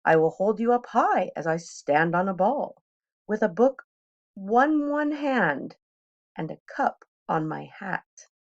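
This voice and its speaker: Here is a playful, boastful storybook cat played by a woman reading aloud. The delivery is showy and coaxing, with very lively intonation and some creak. The recording is a little dull. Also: mid-range voice, slow. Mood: boastful, excited. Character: boastful, playful male trickster cat in a hat. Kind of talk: children's storybook read-aloud.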